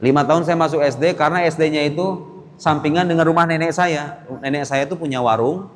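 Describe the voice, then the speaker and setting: With slight background noise in a large hall, a young man whose voice is a little high gives a religious lesson to boarding school students in a mosque. He talks to them directly and voices parents and children in quick little tones.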